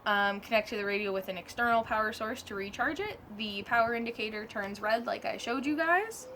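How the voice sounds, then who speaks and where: Her voice is a little high and a bit bright, with lively intonation and a slightly fast delivery, recorded with poor audio and slight background noise. She's a woman reviewing a product in a casual, chatty hands-on demo and often corrects herself.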